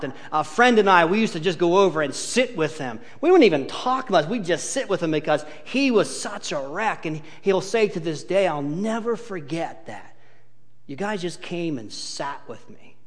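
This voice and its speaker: A male pastor preaching a sermon, telling the story in an animated way with touches of humor, in a large hall. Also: sits high. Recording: long hall reverb.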